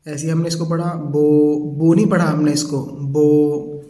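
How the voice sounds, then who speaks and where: A man's voice: fairly high pitch, steady tone, quick pace, warm tone, roomy sound. A man teaching a reading lesson, patiently explaining and sounding out syllables one by one.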